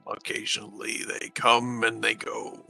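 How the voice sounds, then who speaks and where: A man voicing a slow-witted male leshy, a tree spirit, who talks slowly and picks his words with care. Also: lowish voice, completely flat delivery, gravelly, pushed and bright, faint music behind, exaggerated voice. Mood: earnest.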